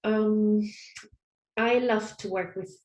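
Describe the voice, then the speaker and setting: This Austrian woman, a native German speaker working as an online counsellor, answers a casual interview in English over a video call. She talks slowly in a mid-range voice with fairly even intonation, soft-spoken and slightly hesitant, laughing lightly often. The room echoes noticeably.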